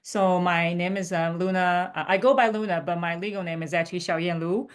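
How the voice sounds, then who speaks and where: A woman's voice: on the low side, steady tone, brisk. A woman from mainland China, a doctoral student and panelist, speaking politely and with many uhs. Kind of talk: panel introduction and advice.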